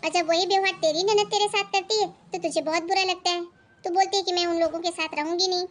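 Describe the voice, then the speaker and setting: A woman doing a shrill scolding cartoon mother. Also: steady tone, fast, a bit bright. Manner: lecturing, scolding. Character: scolding middle-aged Indian mother, stern but caring. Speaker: mother in animated family story. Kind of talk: animated cartoon voice acting.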